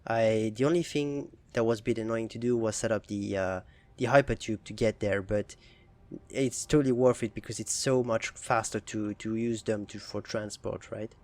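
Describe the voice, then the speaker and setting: A young man casually commenting over his own gameplay footage as a gaming channel host, relaxed and hesitant, with many fillers and restarts. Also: on the low side, normal speed.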